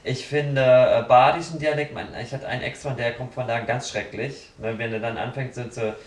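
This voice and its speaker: A man's voice: medium pitch, fairly even intonation, normal speed, recorded from a distance. A man in casual chat, telling stories bluntly and dramatically with acted-out quotes. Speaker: podcast guest. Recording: roomy sound from off the mic, faint noise.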